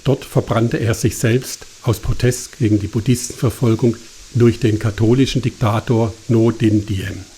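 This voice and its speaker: A man narrating a travel documentary in a calm, measured scripted voice-over. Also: medium pitch, slight background noise.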